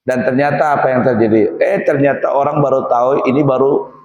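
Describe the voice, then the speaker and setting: Animated preacher in an echoey hall. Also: male voice, medium pitch, fairly quick, muffled recording, a little hiss or hum. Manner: animated, acts out characters, laughs at his own jokes. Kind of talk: humorous sermon storytelling. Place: mosque or Islamic boarding school hall. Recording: echoey hall, long reverb.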